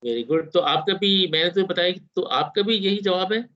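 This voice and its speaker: A man's voice: sits high, lively intonation, rapid-fire. A man teaching an online university class over a video call, explaining step by step and mixing in English technical terms. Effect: heard over a video call. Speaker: university lecturer. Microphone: laptop on video call. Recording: dull video call audio.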